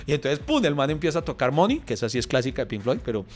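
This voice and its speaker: A young man telling a story in a casual podcast chat, animated, laughing often. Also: medium pitch, racing, a little hiss or hum. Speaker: podcast co-host.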